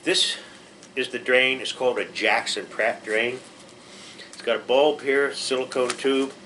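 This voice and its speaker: A man's voice: mid-range voice, steady tone, measured pace, bright, forceful tone, slight background noise, rough recording. A man teaching a pre-surgery class, explaining things in a plainspoken, reassuring way with frequent restarts. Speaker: patient educator.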